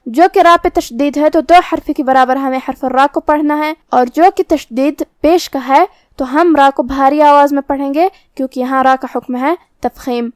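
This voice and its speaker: High-voiced woman teaching recitation. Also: steady tone, no echo, studio quality. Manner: explains pronunciation rules step by step. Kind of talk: tajweed lesson with slow recitation.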